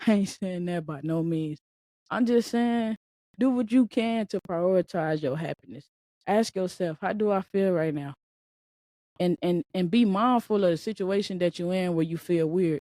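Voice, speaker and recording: This woman, in her late twenties, has a lowish, mellow voice and talks at normal speed with no room sound. Hosting a podcast alone, she gives a casual, insistent pep talk full of repeated phrases.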